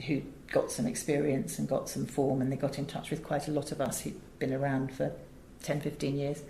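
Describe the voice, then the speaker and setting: Speaking as an interview guest, this middle-aged British woman from England directs and produces audiobooks. She has a very deep, creaky, warm voice, delivered briskly and in a monotone, with emphatic stories and many asides, recorded with roomy echo and faint noise behind her.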